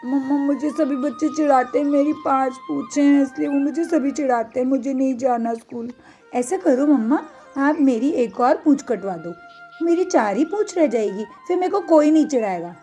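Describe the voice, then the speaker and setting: A woman's voice: sits high, moderate pace, mellow, soft background music. A woman voicing a little boy mouse in a storybook tale, whining and pleading with his mother. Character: little male mouse child, whiny and pleading.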